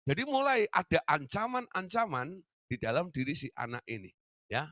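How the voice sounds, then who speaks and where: A man's voice: a little high, big pitch swings, normal speed, sharp tone, no room sound, clean studio sound. A man preaching a teaching sermon, talking directly to his listeners and often tagging his sentences with "ya". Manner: addresses listeners as "Saudara", tag-question fillers.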